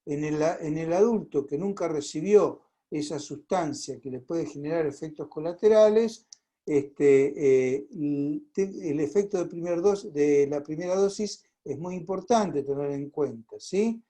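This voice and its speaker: An Argentine man lecturing a class on pharmacology over a video call, conversational, filling pauses and checking in with the class. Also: a little high, dark tone, poor audio. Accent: Argentine Spanish.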